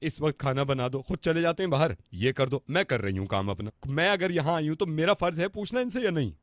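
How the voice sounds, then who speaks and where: A man's voice: fairly high pitch, big pitch swings, a little fast, dry recording, studio quality, pitched above the performer's own voice. A man voicing a bickering middle-aged housewife on a prank call, cutting in insistently. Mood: complaining. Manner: interrupting, indignant, insistent. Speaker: radio prank caller. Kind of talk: prank call role-play.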